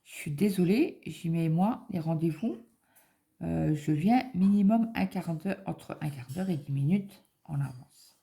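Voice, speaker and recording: Gravelly low-voiced woman vlogger. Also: lively intonation, measured pace, warm tone. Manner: rambling, many fillers, acts out quoted dialogue. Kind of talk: casual chat, retelling an appointment.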